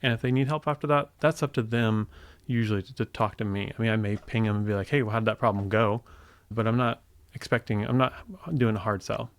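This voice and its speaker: In a conversational interview, an Indiana man in his forties who co-founded a tech company talks quickly in a fairly low voice. He's reflective and relaxed, frequently starting sentences over, and the recording has no echo.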